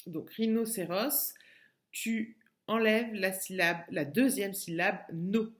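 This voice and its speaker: A woman's voice: medium pitch, slow pace. A woman with a French accent, a kindergarten teacher recording a lesson for a child at home and breaking words into syllables patiently.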